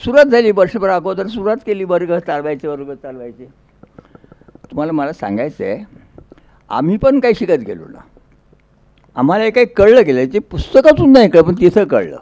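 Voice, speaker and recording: A man's voice: high-pitched, very animated, fairly quick, long pauses, mellow, dull audio. A man giving a folksy storytelling speech, acting out dialogue in a rural dialect. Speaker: public speaker.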